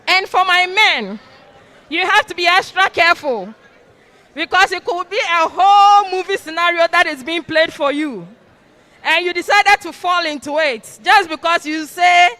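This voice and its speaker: A woman's voice: very high voice, pushed and bright. A woman giving an orientation lecture, quizzing her audience with fill-in prompts. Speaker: orientation speaker. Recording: long hall reverb.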